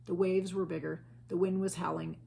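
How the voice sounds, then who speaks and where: A woman reading a children's chapter book aloud in a steady storytelling voice. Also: lowish voice, moderate pace, vocal fry, slight background noise.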